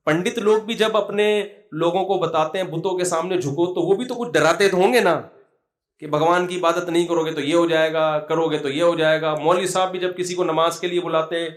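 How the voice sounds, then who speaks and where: A man's voice: a little high, steady tone. A middle-aged man giving a religious talk, telling funny stories in a chatty way. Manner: humorous storytelling, conversational. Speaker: Islamic preacher.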